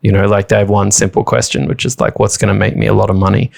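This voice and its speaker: A man's voice: on the low side, level tone, fast, gravelly. A man co-hosting a podcast, thinking aloud in a rambling, casual way. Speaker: podcast co-host.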